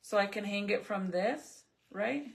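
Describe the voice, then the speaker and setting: With a mid-range voice, vocal fry, and a measured pace, a woman vlogs while crafting. Her first language is Spanish, and she's blunt, chatty, and profane as she talks to viewers and commenters.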